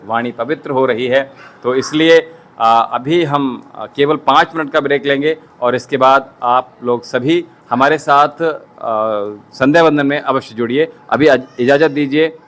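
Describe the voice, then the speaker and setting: A man's voice: medium pitch, poor audio. A man leading a group yoga class at an ashram as its teacher, giving instructions in a coaxing, instructive way. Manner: instructive, coaxing, chants mantras slowly. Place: ashram hall.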